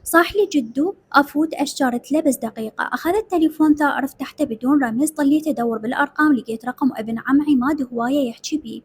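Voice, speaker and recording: A woman's voice: high-pitched, quick pace. A woman with an Iraqi accent narrating a dramatic story in the first person, emotional and tearful. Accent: Iraqi Arabic.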